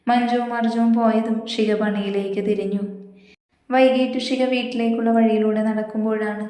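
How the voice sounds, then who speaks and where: A woman's voice: on the high side, level tone, normal speed, dark tone. Echoey woman reading a love story. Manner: reads all the characters' lines herself, switching voices. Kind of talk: reading a romantic story aloud. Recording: very echoey room with a long reverb.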